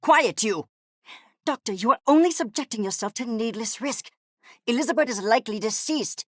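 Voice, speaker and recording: Playing a video game's haughty, eccentric furry creature scientist, a woman sounds scornful and impatient. Her expressive voice is on the high side at a moderate pace, and her lines are verbose, theatrical, condescending and crisply articulated. The clean studio sound has no room echo.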